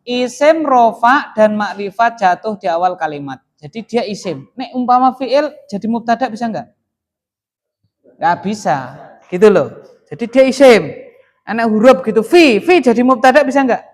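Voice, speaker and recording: A man's voice: very high-pitched, lively intonation, moderate pace. A man teaching grammar in a classroom, quizzing students in call-and-response.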